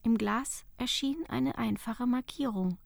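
A woman tells a storybook tale in a soft, unvoiced whisper. She reads slowly and calmly, with a slightly gravelly texture and a fairly high voice. The sound is close and dry. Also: dry recording. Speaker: narrator.

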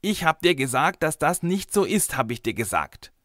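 A man's voice: a little high, big pitch swings, moderate pace, fairly bright tone, dry recording, studio quality, pitched above the performer's own voice. A man voicing a stubborn little girl who tattles, in a storybook reading. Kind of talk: audiobook character voice.

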